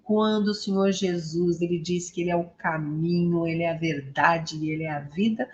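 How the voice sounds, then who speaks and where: A Brazilian woman teaching English pronunciation, patiently repeating each model word slowly and clearly. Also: fairly low pitch, fairly even intonation, darkish tone, muffled recording. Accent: Brazilian Portuguese. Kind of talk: pronunciation lesson.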